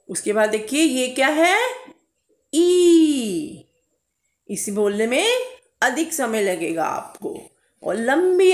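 A woman teacher reading a Hindi lesson aloud to young children syllable by syllable, calling herself ma'am. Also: on the high side. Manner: calls herself "ma'am", addresses pupils as beta, drawn-out vowels. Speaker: primary school Hindi teacher. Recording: echoey room.

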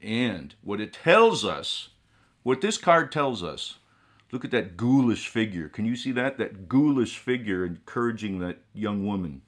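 A middle-aged man playing a ghoulish horror host, speaking in a drolly morbid, theatrical, drawn-out manner. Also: lowish voice, very animated, a bit bright, heavily acted. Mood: theatrically solemn. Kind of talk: comic horror-host monologue to viewers. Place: small indoor room with collectible shelves.

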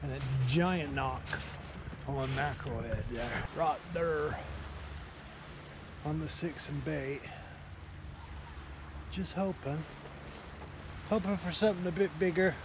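Here the angling vlogger, a man in his forties, speaks slowly on the high side, leaving long pauses in his casual, enthusiastic, matey running commentary to camera. He's fishing outdoors at night on a beach next to a small shelter, and the outdoor recording is clearly noisy.

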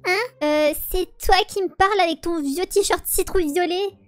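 A woman's voice: very high-pitched, steady tone, moderate pace, no echo, pitched above the performer's own voice. A woman voicing a rude, aggressive teenage rival girl in a game role-play, brash and insulting.

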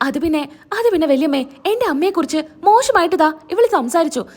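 A woman voicing a haughty, quick-tempered young wife who answers in sharp, scornful retorts. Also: extremely high pitch, animated.

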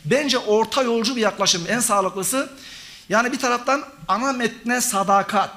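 A very high-pitched, pushed and bright voice belongs to a middle-aged professor lecturing at an academic conference in a conference hall. At a normal speed, he lists examples and synonyms, addressing his listeners as friends.

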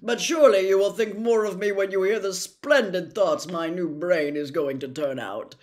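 Woman doing a loud eager scarecrow man. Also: lowish voice, normal speed, close to an everyday voice. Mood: earnest. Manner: loud, bright and earnest. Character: eager cheerful male straw scarecrow.

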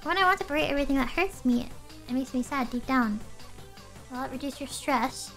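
A young woman with a high, bright, sharp voice streams a game, rambling playfully between lines she reads aloud. She talks close to the mic at home, with faint game music underneath. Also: brisk. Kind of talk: casual live game commentary.

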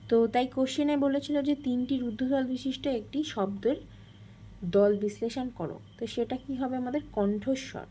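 A woman's voice: on the high side, steady tone, brisk, mellow, slight background noise. A woman teacher explaining a grammar lesson step by step, asking questions and answering them.

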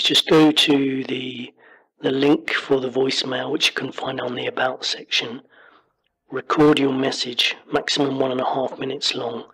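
A man's voice: medium pitch, fairly bright tone, husky, rough recording. A podcast host heard through his own recorded voice message, patiently explaining step-by-step instructions and repeating himself. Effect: recorded voice message played back. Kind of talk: casual spoken instructions.

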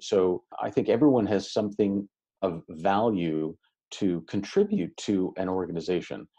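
A man over sixty with a low, mellow voice talks as a podcast guest. He speaks in a relaxed, welcoming and articulate way, with a few fillers, as he answers at length. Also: moderate pace, breathy edge. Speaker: podcast guest, education researcher. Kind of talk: reflective interview answers.

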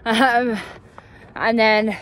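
A woman's voice: a little high, little pitch movement, extremely slow, a bit bright, a little hiss or hum. A woman vlogging outdoors on a cold night, chatty and rambling, out of breath after running, on a handheld phone. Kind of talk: casual vlog while running.

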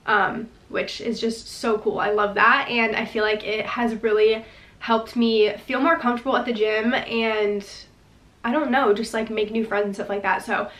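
A woman's voice: fairly high pitch, steady tone, moderate pace, fairly bright tone. A woman in her twenties chatting to camera as a lifestyle vlogger, a little stuffy from a recent illness, enthusiastic and full of "like". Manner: chatty, says "like" a lot, enthusiastic. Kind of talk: casual chat to camera. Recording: roomy echo, mic at a distance.

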